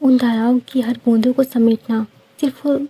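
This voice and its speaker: A woman's voice: on the high side, steady tone, normal speed, dark tone, husky. A woman voicing a pushy, stern shadow spirit who scolds and gives urgent warnings, in a cartoon story.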